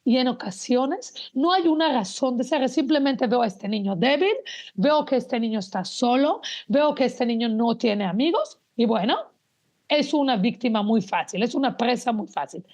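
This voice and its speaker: A woman's voice: fairly high pitch, lively intonation, measured pace, a little mellow. A woman, giving an earnest, explanatory talk to teachers and parents and addressing the audience directly. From Mexico. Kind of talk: spoken presentation about images on slides.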